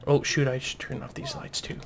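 A young man chatting excitedly while playing a co-op stealth game with a friend, sometimes slipping into a hushed voice. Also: a little fast. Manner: excitable, drops to a whisper while sneaking. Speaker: gaming co-host. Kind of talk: casual co-op gameplay commentary.

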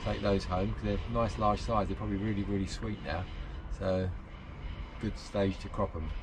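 A man's voice: on the low side, moderate pace, noisy background. A man in his fifties, chatting casually with fillers as he works his allotment plot and explains each job. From England. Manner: relaxed, chatty, thinking aloud with fillers. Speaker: allotment gardener and channel host. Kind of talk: casual gardening vlog. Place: outdoor allotment and polytunnel.

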